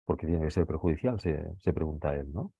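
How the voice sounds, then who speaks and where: A man's voice: a bass voice, lively intonation, a little fast, warm tone, breathy edge, no echo, dull audio. A man teaching a class, walking students through a text and checking often whether they follow. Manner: checks understanding with frequent tag questions.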